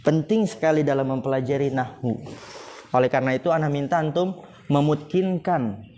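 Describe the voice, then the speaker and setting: A man's voice: on the high side, normal speed, warm tone, slight background noise. A man with an Indonesian accent teaching an Arabic grammar class, quizzing his students and laughing often. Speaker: Islamic boarding school teacher.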